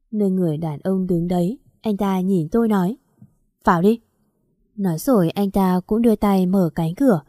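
A woman reading a first-person story aloud in a steady, even storytelling manner. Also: medium pitch, no room sound, studio quality. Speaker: story narrator.

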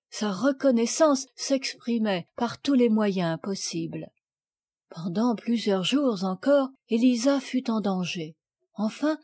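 A woman narrating a classic children's novel in a clear, measured reading. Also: fairly high pitch, warm tone, no echo, studio quality. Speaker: audiobook narrator. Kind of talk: scripted storybook narration.

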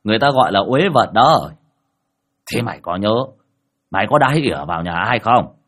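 A man voicing a short-tempered old village man who scolds bluntly in a husky voice. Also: lowish voice, expressive, a little fast. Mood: stern. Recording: soft music behind.

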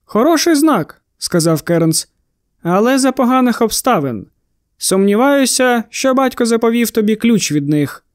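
A brash male monster hunter with a breezy, mocking way of speaking, as an audiobook reader plays him. He gives orders lightly, as if danger amuses him. The voice sits high and is recorded close and dry. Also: big pitch swings, measured pace, no echo, full character voice. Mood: cool mocking. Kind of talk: audiobook character voice.

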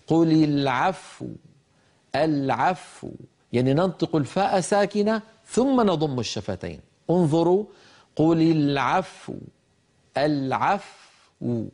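An older man with a fairly high voice teaches Quran recitation. He explains pronunciation rules in a measured, careful way and demonstrates each word himself. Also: darkish tone. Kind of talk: slow melodic Quran recitation and tajweed instruction.

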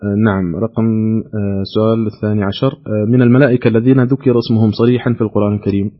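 Fast-talking husky male quiz host. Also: lowish voice, flat delivery, dull audio. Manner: frequent hesitation fillers, explanatory. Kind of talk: call-in Quran quiz show.

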